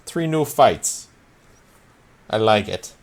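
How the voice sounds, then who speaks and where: A man's voice: fairly low pitch, expressive, slow pace, vocal fry, exaggerated voice. A man voicing a short, greasy-haired human fight promoter who talks in a brusque, folksy, businesslike way. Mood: brisk.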